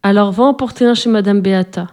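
A woman voicing a poor, gentle mother who speaks softly and soothingly to her children. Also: medium pitch, brisk, natural voice. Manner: soft, soothing.

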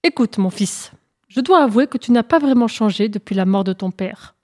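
Loving but firm mother hare, woman reading, clear and louder. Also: fairly high pitch, lively intonation, normal speed, close to an everyday voice. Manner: earnest and firm.

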